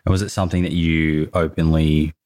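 A man hosting a podcast, asking measured questions and often repeating a word as he starts them. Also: rumbling low, level tone, a little mellow. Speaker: podcast host. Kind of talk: interview questions.

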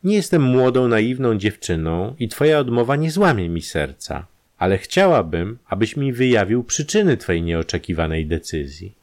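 A proud, wealthy woman with a sharp, ironic tongue, put on by a male narrator in an audiobook story. The voice is pushed up above his own low register and swings widely in pitch. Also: sing-song, normal speed. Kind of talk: audiobook character reading.

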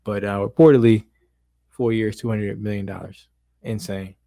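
A man's voice: lowish voice, fairly even intonation, normal speed, vocal fry, mellow, no echo, studio quality. A man co-hosting a sports talk show with casual, slangy banter and repeated phrases.

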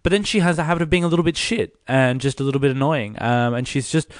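A man's voice: medium pitch, fast, no echo, studio quality. A man co-hosting a casual review podcast, retelling scenes with swearing and playful acted quotes. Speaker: co-host.

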